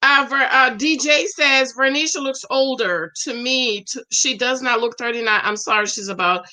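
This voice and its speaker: A chatty woman in her forties reviews a show on a livestream, reading comments and answering them with sass. Her voice sits high and has a bright, forward edge. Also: moderate pace. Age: 40s. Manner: sassy, chatty, reads comments aloud and reacts.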